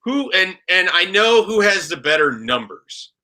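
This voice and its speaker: A man with a bright, forward voice chats loosely about sports as a guest reporter. He rambles in a relaxed, conversational way, filling gaps with frequent "like"s. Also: sits high, a little slow. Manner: chatty, rambling with frequent "like" fillers. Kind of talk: casual podcast conversation.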